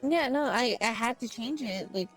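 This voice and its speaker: A woman's voice: on the high side, animated, moderate pace, faint music behind. A woman streamer in casual chat, rambling and tripping over her words, her mic clipping and distorted. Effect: clipping, distorted loud mic. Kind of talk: casual chat while gaming.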